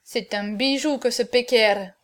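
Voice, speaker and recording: A woman reading aloud, voicing a gruff swordsman who grumbles and mutters. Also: a little high, a little slow, close to an everyday voice. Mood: grumbling. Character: grumbling old swordsman, gruff, wine-loving.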